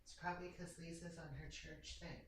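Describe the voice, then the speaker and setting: Woman, low voice, plain-spoken casual troubleshooter, very echoey and off-mic. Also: flat delivery, fairly quick. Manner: plain-spoken, giving short instructions. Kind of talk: casual household chat, troubleshooting. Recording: echoey, noisy, far from the mic.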